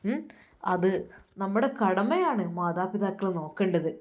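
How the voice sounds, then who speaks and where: A woman voicing a calm, soothing young husband. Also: mid-range voice, a little slow, natural voice. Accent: Malappuram Malayalam. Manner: gentle, steady, soothing. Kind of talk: storytelling voice acting.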